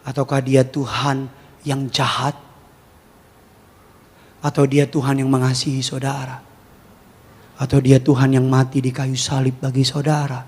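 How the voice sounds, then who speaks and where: A man preaching a sermon as a pastor, animated and humorous, firing rhetorical questions at his congregation. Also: mid-range voice, measured pace, long pauses, breathy edge. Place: large church hall. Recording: long church reverb.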